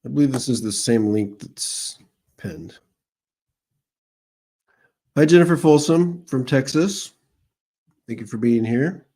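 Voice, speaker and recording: A man's voice: mid-range voice, lively intonation, slow pace, pauses often, mellow. A man who is a psychic medium hosts a casual live stream, chatting with viewers in a rambling way and greeting them by name. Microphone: streaming microphone.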